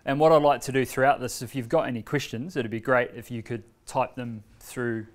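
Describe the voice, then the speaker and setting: This relaxed, medium-pitched New Zealand man is demoing a learning tool at an informal workshop, talking conversationally with lots of fillers and pauses. He stands and moves back and forth between a laptop and a screen in a bright, mid-sized indoor meeting room, recorded by a distant camera.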